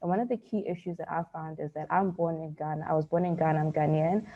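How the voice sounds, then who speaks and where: A woman from South Africa speaking on a conference panel, measured and businesslike with frequent ums, over tinny phone-like call audio. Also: low-pitched, steady tone.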